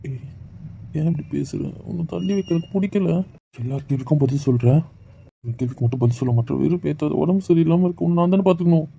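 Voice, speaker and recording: A man's voice: a little high, quick pace, vocal fry, breathy edge. A man acting a sulky, pleading husband in a scripted family drama. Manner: sulky and pleading, turns soft and coaxing.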